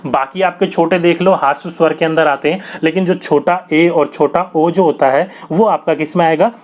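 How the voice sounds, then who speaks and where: A man's voice: on the high side, steady tone, moderate pace. A young man teaching a grammar lesson for exam prep, asking questions and answering them himself in a patient, repetitive way.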